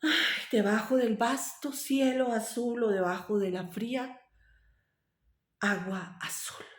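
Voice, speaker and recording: A woman's voice: mid-range voice, animated, brisk, lightly acted. A woman doing a sad dreamy duckling. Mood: wistful. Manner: sighing and soft. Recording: roomy echo.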